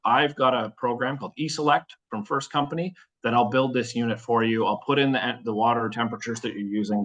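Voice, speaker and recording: A man's voice: mid-range voice, fairly bright tone, rough recording. A man explaining product selections in a webinar walkthrough, practical and full of fillers.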